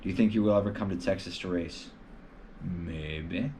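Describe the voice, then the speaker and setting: A man's voice: low voice, level tone, rapid-fire, dark tone, a little hiss or hum. A man hosting a casual live stream from home, answering viewer questions in a loose, rambling way with lots of filler words.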